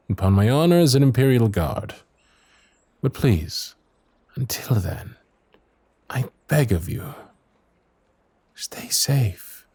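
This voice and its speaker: Using an exaggerated mid-range voice with no room sound, a man portrays a gentle young knight sworn to the royal guard in a romantic fantasy roleplay. His speech is breathy and soft, his wording formal, courtly and hesitant.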